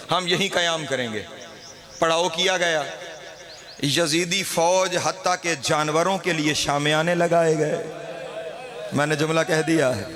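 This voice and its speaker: A man with a Pakistani Urdu accent reciting a mourning sermon, lamenting and rising to wailing cries. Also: on the high side. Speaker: Shia cleric reciting a majlis.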